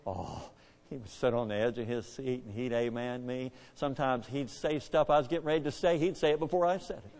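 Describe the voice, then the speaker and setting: Animated older preacher in echoey church. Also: male voice, a little fast, slight background noise. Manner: animated, swings from hushed to booming. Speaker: pastor. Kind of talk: storytelling sermon.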